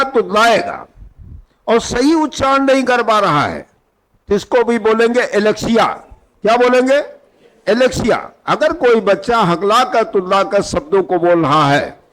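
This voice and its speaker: A man's voice: extremely high pitch, fairly bright tone, low-quality recording. A male teacher giving an exam-prep lecture with a Hindi accent, quizzing his students and repeating the key terms.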